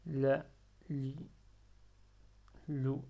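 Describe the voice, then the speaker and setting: A man teaching Arabic letters step by step, patiently drilling syllables slowly and repeating them. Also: mid-range voice, level tone, creaky, highs cut off. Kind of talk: slow step-by-step lesson.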